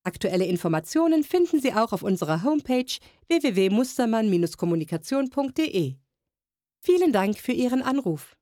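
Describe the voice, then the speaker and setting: A woman's voice: a little high, big pitch swings, fairly quick, dark tone, dry recording, studio quality. A woman reads scripted telephone announcements in a polite, formal customer service voice. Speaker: phone announcement voice.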